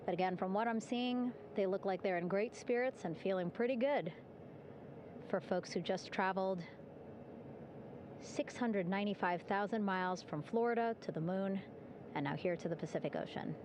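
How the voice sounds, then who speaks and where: Over a noisy background, a female commentator describes an unfolding event live on air, her medium-pitched voice moving at a normal speed. Her narration is cheerful, talkative and warm, dotted with soft laughs.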